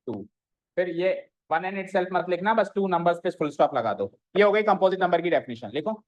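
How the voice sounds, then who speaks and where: Heard on a lo-fi recording, a high-voiced male teacher gives a maths lesson in class, quizzing students and repeating their answers while sprinkling English maths terms into his talk.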